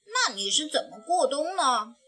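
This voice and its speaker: A woman voicing an eager, curious little bear cub in a children's storybook reading, asking excited wide-eyed questions. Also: high voice, measured pace, pitched above the performer's own voice, exaggerated voice.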